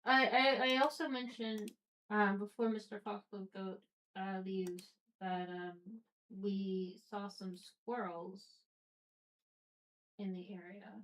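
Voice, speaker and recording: Halting woman tabletop player. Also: medium pitch, fairly even intonation, fairly bright tone, low-quality recording. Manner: halting, many "um"s, earnest. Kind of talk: tabletop game play.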